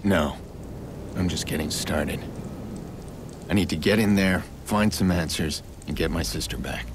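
Video game vigilante: grim, terse, low gravel growl, rain and noise behind. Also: male voice, unhurried. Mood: grim resolve. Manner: terse, menacing. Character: grim, determined middle-aged male vigilante hacker. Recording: rain and clear background noise.

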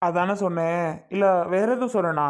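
A woman playing a teasing, bossy young partner who scolds with quick retorts. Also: lowish voice, lightly acted. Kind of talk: comedic family skit acting.

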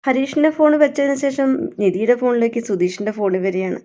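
Woman retelling a serial, mellow dark voice. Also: on the high side, a little fast. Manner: plain, steady storytelling. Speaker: serial recap narrator. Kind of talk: plot retelling. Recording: dull lo-fi recording.

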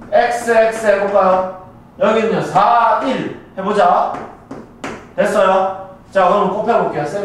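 A man with a Gyeongsang Korean accent teaching a math class, recorded on a camcorder in a classroom, who walks through each step and keeps checking that the students follow. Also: sits high. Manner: checks in with students after nearly every step. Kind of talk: classroom lecture. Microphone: camcorder in the room. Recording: echoey classroom from far off, faint hiss.

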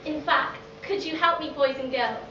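High-voiced, lovestruck pantomime ingenue played by a woman. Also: moderate pace, sharp tone, lo-fi sound. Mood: lovestruck, dramatic. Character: sweet, lovestruck young Victorian master's daughter. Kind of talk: stage pantomime acting. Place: on stage in a theatre hall. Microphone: distant camera in the audience. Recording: very echoey theatre from far off, noisy.

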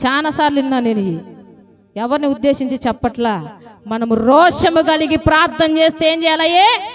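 A woman preaching a sermon to a congregation, lively and constantly asking them questions and calling for answers. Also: high voice, moderate pace. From South India.

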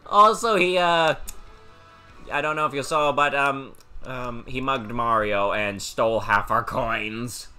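A man's voice: medium pitch, takes it slowly, sharp tone, faint music behind. A man casually commenting while streaming a game, rambling with lots of restarts. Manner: rambling, many fillers and restarts. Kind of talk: casual let's-play commentary.

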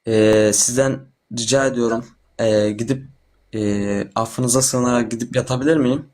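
A man's voice: medium pitch, steady tone, moderate pace, a little mellow. A teenage boy of seventeen talking earnestly and casually as a livestream guest, polite and deferential.

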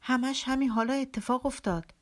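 A woman reading an audiobook, voicing a tormented young man who shouts in a frenzy. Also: high voice, steady tone, pitched above the performer's own voice, natural voice. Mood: frantic. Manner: shouting, frantic.

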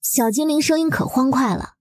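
A woman's voice: high voice, a little fast, darkish tone, dry recording, studio quality. A woman narrating a webnovel story expressively, in a colloquial, dramatizing storyteller's manner.

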